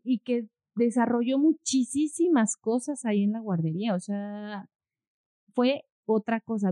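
A mother co-host with a fairly high voice shares a story in easygoing conversation, animatedly voicing what people said. The recording is dry and sounds like a phone.

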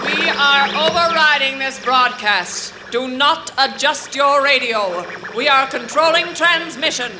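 A man's voice: very high voice, unhurried, few pauses, music in the background. An actor playing a stern male announcer who breaks in on a radio broadcast to announce that it has been hijacked. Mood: commanding. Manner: clipped, official, commanding.

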